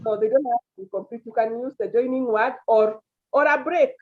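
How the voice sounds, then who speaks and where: A woman's voice: fairly high pitch, fairly quick. A woman teaching grammar in an online class. She calls on students by name and repeats their answers back to them. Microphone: video call. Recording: dull lo-fi video call audio.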